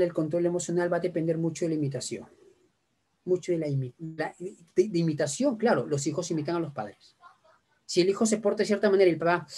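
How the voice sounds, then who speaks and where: A woman's voice: lowish voice, breathy edge. A woman giving an informal lecture to parents at a school workshop, talking conversationally, often checking in with tag questions and acting out little dialogues. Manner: animated, acts out quick back-and-forth dialogues.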